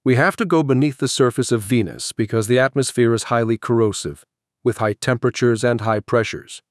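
A patient male scientist laying out his explanations calmly and clearly before a committee, as a male narrator voices him. The voice is middle-pitched and close, with a dry sound. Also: fairly quick, no echo, close to an everyday voice. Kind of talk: audiobook character voice.

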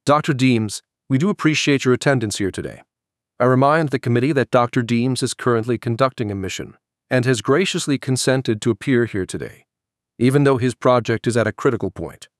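A courteous male senator making formal, polished remarks in committee, as a male narrator voices him. His voice sits at a middle pitch with a dry, close sound. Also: fairly quick, no echo, lightly acted. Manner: formal, polite, speechmaking. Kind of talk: audiobook character voice.

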